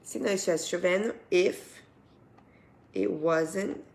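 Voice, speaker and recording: A woman's voice: on the low side, slow pace, vocal fry, darkish tone. A woman teaching a live online English lesson, explaining patiently and asking her viewers questions.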